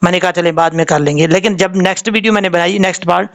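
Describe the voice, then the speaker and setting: A man's voice: sits high, fairly even intonation, rapid-fire. A man with a Pakistani Urdu accent teaching Quran reading, patiently drawing out letter sounds to show how they are said.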